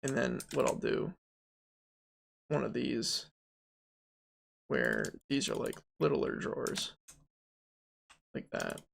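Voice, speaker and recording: A man's voice: medium pitch, huge pitch swings, takes it slowly, gravelly, long pauses, slight background noise. A young man streaming game development, chatting casually, thinking aloud and answering his chat as he models.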